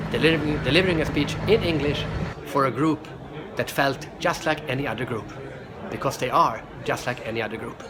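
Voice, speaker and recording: A middle-aged Swedish man, a professional speaker whose first language is Swedish, talks energetically in a casual vlog. His mid-range voice comes through a very noisy recording, and he often restarts and repeats words.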